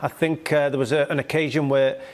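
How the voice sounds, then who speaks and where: A man giving measured, conversational football match analysis as a studio pundit. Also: fairly high pitch, flat delivery.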